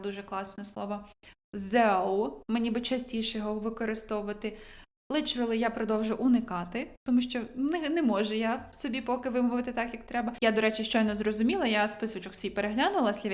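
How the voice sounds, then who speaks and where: A young woman who speaks Ukrainian as her first language teaches English words in a relaxed, chatty way, poking fun at her own pronunciation. Her voice sits a little high, and she slows right down whenever she reads an English example. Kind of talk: vocabulary lesson.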